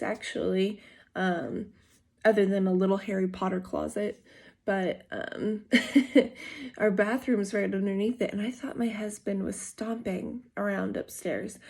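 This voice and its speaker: A woman's voice: medium pitch, warm tone. A young adult woman vlogging, telling a personal story in a casual, rambling way with many fillers and self-corrections.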